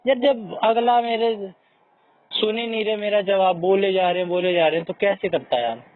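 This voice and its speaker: A man's voice: high-pitched, normal speed. A man chatting casually on a podcast, telling personal stories in a frustrated, rambling way. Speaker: podcast co-host. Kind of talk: casual chat. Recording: tinny phone-like sound with faint music.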